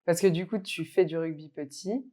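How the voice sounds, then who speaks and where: A woman's voice: fairly low pitch, normal speed, warm tone. A woman hosting an interview, asking short, friendly prompting questions. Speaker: podcast host, interviewer.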